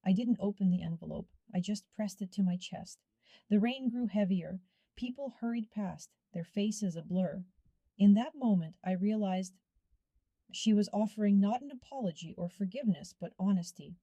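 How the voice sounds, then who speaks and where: A woman reads a dramatic first-person story aloud in a measured, hushed way. Her voice is very dark and mellow. The sound is close and dry, with no room around it. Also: mid-range voice, dry recording, dull audio. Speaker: story narrator. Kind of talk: scripted first-person narration.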